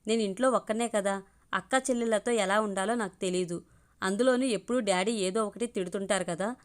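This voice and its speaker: A woman's voice: mid-range voice, fairly quick, clear, resonant tone, close to an everyday voice. A woman voicing a young man who grumbles and jokes at his younger cousin in a spoken audio story. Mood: soothing.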